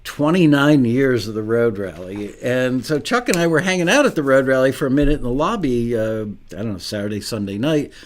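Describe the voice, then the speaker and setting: A man's voice: medium pitch, expressive, a little fast, few pauses. A middle-aged American man casually hosting a live online show, unscripted and chatty, rambling into asides.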